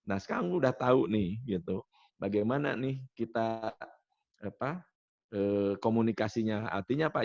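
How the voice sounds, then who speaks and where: A man of middle pitch leads a training workshop in a gravelly voice. He talks in a chatty way, mixes in personal stories and keeps asking the group questions. The sound is dull and lo-fi. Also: a little mellow. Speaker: NLP trainer. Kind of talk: workshop teaching.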